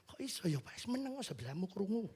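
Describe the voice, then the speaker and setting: A man's voice: sits high, very animated, fast talker, mellow, a little hiss or hum. A man with an East Javanese accent quoting his poor young wife, plaintive and tearful.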